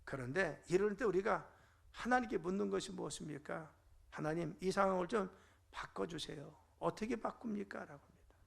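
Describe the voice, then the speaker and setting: A man's voice: sits high, creaky, a bit bright. A middle-aged male pastor preaching a fervent sermon in a church, asking rhetorical questions and answering them. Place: church sanctuary.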